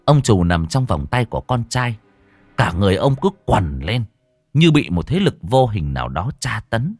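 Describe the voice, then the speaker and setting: Highly expressive male ghost-story narrator. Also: moderate pace, dry recording, faint music behind.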